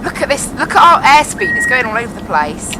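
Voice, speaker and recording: A woman's voice: on the high side, big pitch swings, fairly quick, noisy background. A woman flying a simulated airliner, talking into a pilot headset and chatting casually as she explains each step. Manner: chatty, explains as she flies, repeats "I have to be honest". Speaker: flight sim pilot and streamer. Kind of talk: casual live-stream commentary over a cockpit headset.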